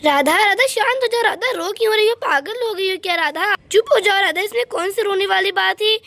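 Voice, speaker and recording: A woman's voice: very high voice, brisk, vocal fry, fairly bright tone, heavily acted. A woman voicing a bossy mother in a doll story who scolds and reassures in turn. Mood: stern.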